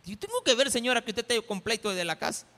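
A man's voice: big pitch swings, fast talker, bright, forceful tone, full character voice. A pastor with a Salvadoran accent putting on a whiny, upset woman griping on a bus. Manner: shrill, complaining. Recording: church hall reverb.

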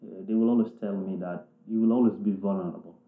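A man's voice: fairly low pitch, fairly even intonation. Man from South Sudan, thoughtful, tinny. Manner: thoughtful, halting, with restarts. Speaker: interviewer. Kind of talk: reflective conversation. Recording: echoey room, tinny phone-like sound.

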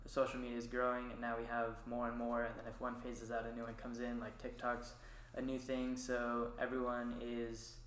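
A man's voice: mid-range voice, monotone, a bit bright, slight background noise. Hesitant young-sounding man in casual chat. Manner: hesitant, many fillers and pauses. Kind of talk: casual group discussion. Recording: echoey room.

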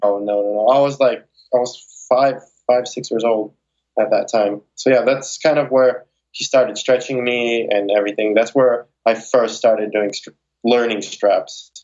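A man's voice: mid-range voice, steady tone, a little slow, darkish tone, highs cut off. A young man born in Moscow and raised in Ukraine and Las Vegas, answering interview questions in a loose, rambling way with many fillers and restarts. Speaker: guest, circus straps performer.

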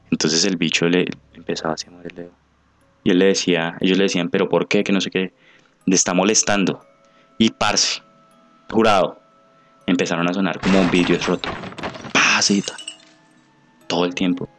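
A man with a Colombian accent, co-hosting a podcast and telling a ghost story in animated, slangy chat, acting out the people he quotes. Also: sits low. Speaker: podcast co-host. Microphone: remote call mic.

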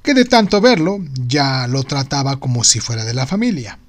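A man's voice: mid-range voice, big pitch swings, normal speed. A man reading a humorous short story as scripted narration, in the role of storyteller.

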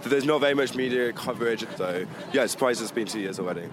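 A British man thinks aloud in a street interview, hedging and qualifying his words. His pitch is mid-range. Faint street noise sits behind him. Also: fast talker. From United Kingdom. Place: city street outdoors.

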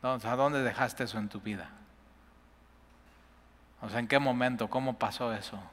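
God, voiced softly, asking gentle questions. The bright voice trails off into a long hall reverb. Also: male voice, normal speed, natural voice. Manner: soft, low, gently questioning.

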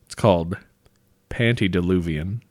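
A man's voice: low-pitched, unhurried, no echo, studio quality. A man co-hosting a podcast in casual comedic chat, setting up pun jokes dryly with hesitant fillers. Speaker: podcast co-host.

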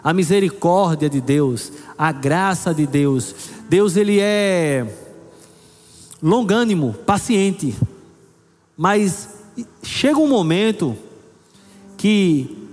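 A middle-aged male pastor preaching a sermon, building emphasis and reading scripture slowly. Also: high-pitched, lively intonation, a little mellow. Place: church hall. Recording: long hall reverb with faint music.

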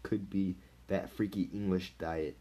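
A man's voice: low voice, steady tone, unhurried, dark tone. A man reading the lines of a breezy, irreverent male superhero in a casual, joking way. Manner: wisecracking, casual.

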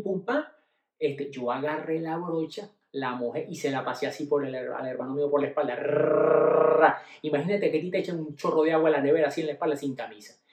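A middle-aged Venezuelan man casually telling family stories, slangy and animated, dropping to low mutters and rising to loud bursts. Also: dull audio. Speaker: podcast host. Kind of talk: casual storytelling monologue. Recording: roomy echo.

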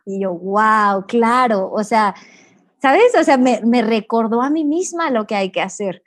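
A middle-aged woman speaking as a guest, explaining in a calm, teacherly way and often tagging her points with a questioning "no?". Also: a little high, normal speed. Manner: calm, teacherly, with many "¿no?" tags. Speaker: guest, personal growth coach. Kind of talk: reflective interview talk.

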